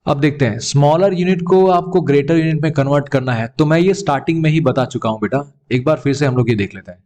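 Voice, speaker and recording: A man's voice: fairly high pitch, fast talker, a little mellow. A man with an Indian English accent teaching a children's math lesson, calling his students "beta" and asking questions he then answers himself.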